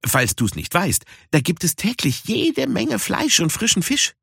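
Guy putting on a sassy little grey girl cat, high and lively, kinda husky. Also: no echo, studio quality, heavily acted. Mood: proud. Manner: proud, quick to scoff. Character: small proud grey female cat schoolgirl.

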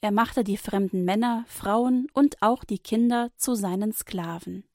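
A woman reading a Bible story for children, gently and expressively. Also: medium pitch, unhurried, no echo, studio quality.

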